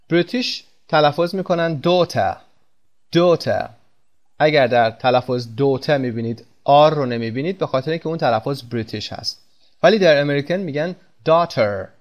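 On a lo-fi recording, a male teacher whose native language is Persian gives an English lesson in a slightly high voice with lively intonation. He reads English sentences very slowly, then explains them quickly in Persian.

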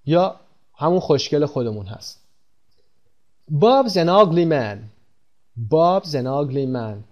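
A man teaching English vocabulary in a lesson, reading each English phrase slowly and explaining it quickly in Persian. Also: medium pitch, a little mellow. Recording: dull lo-fi recording.

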